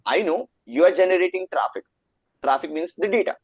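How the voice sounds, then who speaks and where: A young man whose first language is Hindi lectures a live online networking class in Indian English, explaining concepts and frequently asking students check questions. His voice is high, expressive and brisk with a breathy edge, and the audio is dull with no echo.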